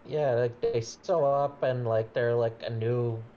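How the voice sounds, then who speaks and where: A man's voice: mid-range voice, fairly even intonation, unhurried, a little hiss or hum. A man co-hosting a podcast in a casual chat, filling his talk with "like". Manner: fills speech with "like". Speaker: podcast co-host. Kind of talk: casual comic book discussion. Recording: dull lo-fi mic sound.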